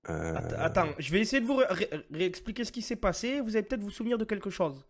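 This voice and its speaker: A man playing a police officer in a game roleplay, explaining with halting restarts. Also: sits high, big pitch swings.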